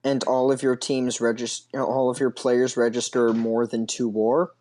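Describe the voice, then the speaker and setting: A man joins a casual podcast chat with short, dry, teasing quips. His voice sits at a plain middle pitch. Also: little pitch movement, a little slow, warm tone.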